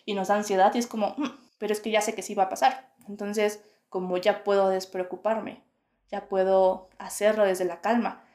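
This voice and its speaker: A young woman muses aloud as a podcast host, her mid-pitched voice carried by a roomy, echoing room. She talks in loose, winding phrases full of fillers. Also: a little mellow. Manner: musing, many fillers like "o sea" and "como". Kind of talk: reflective spiritual monologue. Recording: roomy, echoey home room.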